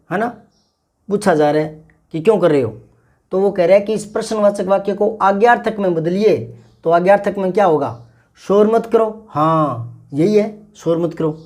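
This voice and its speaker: A man's voice: high-pitched, a little mellow. A man teaching a grammar lesson for exam prep, explaining step by step and often checking that students follow. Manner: explanatory, repeats "ठीक है ना" to check understanding.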